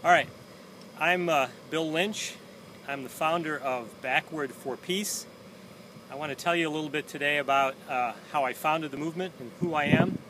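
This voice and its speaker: 60-something man talking outdoors, distant mic. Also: a little high. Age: 60s. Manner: earnest, measured, with frequent "uh" pauses. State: talking while walking backward. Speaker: founder of a peace walking movement. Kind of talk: monologue while walking outdoors. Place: outdoor running track by traffic. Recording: distant outdoor mic with loud traffic noise.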